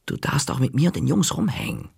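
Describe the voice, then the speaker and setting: A man reading aloud as a sly older boy who coaxes and bargains, his voice lifted higher than a grown man's and full of husky grit. The lines swing lively up and down, and the sound is dry and close. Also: a little fast, no room sound, exaggerated voice. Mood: coaxing. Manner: coaxing, bargaining. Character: teasing, wheedling older boy. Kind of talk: audiobook character voice.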